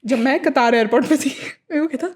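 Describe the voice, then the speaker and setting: A young woman co-hosting a casual chat, telling a travel mishap story and acting out the back-and-forth in her own voice. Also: quick pace. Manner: animated storytelling, acts out quoted exchanges with big pitch jumps; mixes Hindi and English freely. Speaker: podcast co-host.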